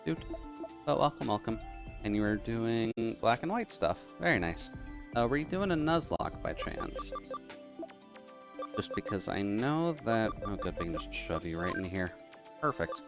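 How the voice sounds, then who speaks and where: A man's voice: on the low side, lively intonation, measured pace, gravelly, pauses often, over music. A man with a metallic, tin-can robot filter on his voice, chatting casually with viewers and muttering to himself as he plays a game live. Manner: chatty, mutters while playing, reads chat aloud.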